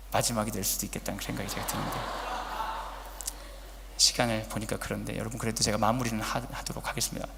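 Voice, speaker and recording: A male pastor preaching a sermon at a church service, swinging between loud urgent lines and hushed whispers and asking the congregation direct questions. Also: mid-range voice, creaky, slight background noise. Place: church sanctuary, Friday service. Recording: long church hall reverb.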